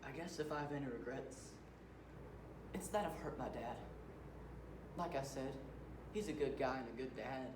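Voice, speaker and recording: A young man performing a manic, taunting male serial killer on death row as a dramatic interpretation piece, with shouts and cackles. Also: medium pitch, moderate pace, pauses often, distant mic, noisy background, close to an everyday voice. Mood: wry. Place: competition room. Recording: roomy hall recorded from afar.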